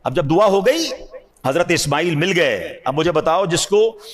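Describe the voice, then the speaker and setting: Male preacher with a high voice; sermon delivery, drops to hushed asides, rises to fervent cries, keeps questioning the listeners. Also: expressive. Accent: Urdu speaker from South Asia. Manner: swings between hushed low asides and high emphatic cries. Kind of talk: religious sermon.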